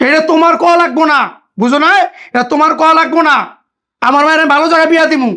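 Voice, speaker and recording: A shrill, sharp-edged father-in-law lectures his son-in-law about manners, played by a man. His high, bright voice comes in fast, scolding bursts. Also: fairly even intonation. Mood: indignant. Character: older father-in-law, indignant village elder. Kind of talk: Bangladeshi short drama acting.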